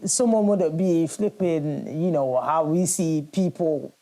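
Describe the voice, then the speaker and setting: A woman co-hosting a casual discussion, telling stories in an animated, slangy way. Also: sits low, takes it slowly. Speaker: podcast co-host.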